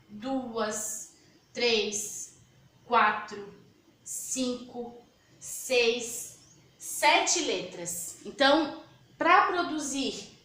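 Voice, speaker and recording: A woman's voice: high-pitched, a bit bright. A woman with a Brazilian Portuguese accent, teaching young children patiently and spelling out sounds and letters. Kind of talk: children's lesson. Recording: echoey room.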